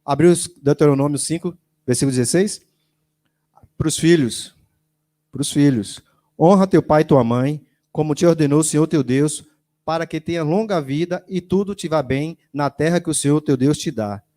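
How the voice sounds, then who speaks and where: A man delivers a church sermon in a relaxed, conversational manner. His voice sits a little high yet sounds soft and warm. He keeps asking the congregation questions and slips into the voices of the people he quotes. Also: normal speed. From Brazil. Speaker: lay preacher.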